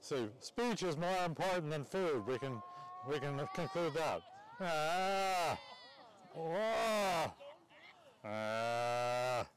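A man's voice: on the high side, lively intonation, very slow. A man announcing a live outdoor contest at a cow pasture, bantering jokingly with the crowd and teasing the waiting audience. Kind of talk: casual live event announcing.

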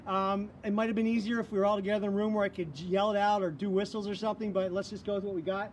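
Rapid-fire and energetic, a high-voiced man coaches a live online workout as a fitness instructor, calling out counts and cues. The recording has a distant mic and some faint background noise.

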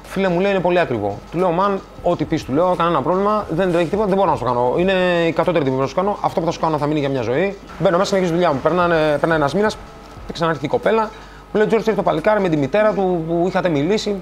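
A man from Greece, a tattoo artist, telling stories in a casual interview and acting out the dialogue. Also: slight background noise. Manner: animated, acts out dialogue, rises in pitch when quoting.

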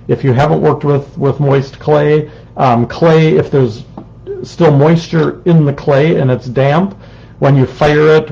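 A man's voice: mid-range voice, vocal fry, mellow, dull audio. A man teaching a ceramics lesson on a live stream, chatty and explanatory, with lots of ums, talking at a desk microphone with a fan running in the room. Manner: chatty, explanatory, says um often. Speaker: ceramics instructor. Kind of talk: live-streamed craft demonstration. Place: indoor studio with a fan running. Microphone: desk microphone, sitting close.

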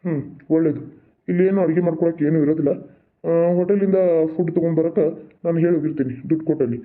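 A man's voice: fairly high pitch, very fast, phone-quality sound, natural voice. A man voicing a stern, wealthy father-in-law in a cartoon, laying down rules in a commanding, condescending way.

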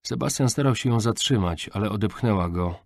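Low-voiced male audiobook narrator. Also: a little fast, vocal fry, no room sound. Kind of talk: scripted narration.

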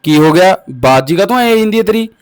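A man playing a protective older brother who threatens his sister's husband loudly. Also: high voice, animated, quick pace, clear, resonant tone. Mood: angry. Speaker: actor in a short film.

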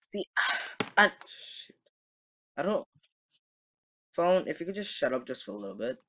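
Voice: mid-range voice, very animated, measured pace, pushed and bright, poor audio. Jittery young gamer muttering over play. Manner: anxious muttering, sudden outbursts. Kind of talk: game commentary.

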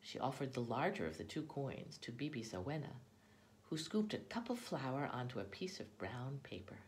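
A woman reads a children's picture book aloud, with an expressive storytelling manner. Her voice sits low. It rises and falls in a lively way. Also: normal speed, slight background noise. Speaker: storybook reader.

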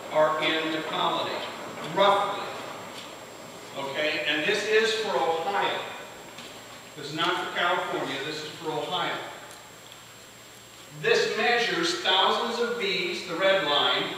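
A man teaching a beekeeping class to a live audience in a lively lecture manner, often putting questions to the room. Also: high-pitched. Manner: energetic, asks the audience questions. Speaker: beekeeping instructor. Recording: echoey hall from far off, hiss.

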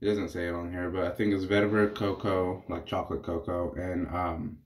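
Low-pitched and brisk, a man in his thirties with cold congestion chats to the camera about shaving as he does it. It's casual, rambling vlog commentary from a wet-shaving reviewer, recorded in a small bathroom with an echo.

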